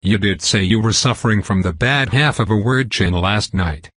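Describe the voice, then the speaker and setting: A man reading as a guarded young student, low and husky. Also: moderate pace, a bit bright, dry recording, studio quality. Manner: careful, guarded.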